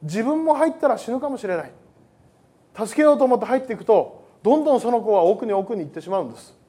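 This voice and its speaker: A male pastor preaching a sermon to a congregation in a lively, joking way that often wanders off topic. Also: sits high, fast talker, slightly rough. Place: church service with a congregation.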